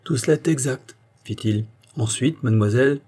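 A man reading the part of a shrewd, brisk male detective in an audiobook. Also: mid-range voice, mellow, close to an everyday voice. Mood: assured. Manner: brisk and assured.

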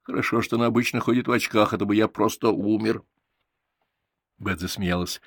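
A man narrating a story aloud in even storytelling style, close to the microphone. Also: fairly low pitch, a little fast, dry recording. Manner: even storytelling, voicing each character. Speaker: audiobook narrator. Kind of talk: audiobook narration.

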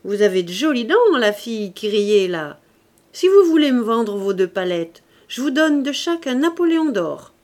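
Lady doing a pushy street tooth-puller guy, loud and hawking, storybook. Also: on the high side, sing-song, moderate pace. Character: hoarse, loud travelling male tooth-puller.

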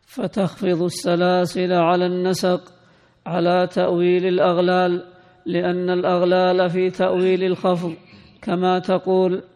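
A man reads a classical text aloud in a high, unvarying recitation, his voice smooth and resonant. A long reverb trails his words in a hall. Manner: recites in a steady, lilting reading tone. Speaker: student reading the text aloud. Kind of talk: chanted reading of a classical text.

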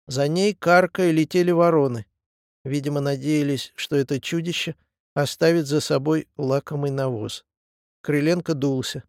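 A man narrating a book in an even, measured reading. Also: a little high, no room sound, clean studio sound. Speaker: audiobook narrator. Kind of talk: scripted narration.

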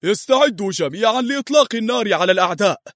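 A man voicing a crazed, heavyset male spy chief who shouts orders wildly. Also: high-pitched, expressive, rapid-fire, dry recording, clean studio sound, voice pushed up, exaggerated voice. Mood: commanding.

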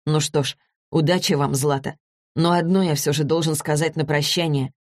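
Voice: mid-range voice, steady tone, no echo, clean studio sound, natural voice. A reader voicing an earnest, worried man. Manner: rapid-fire questions, earnest. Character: man, anxious and devoted.

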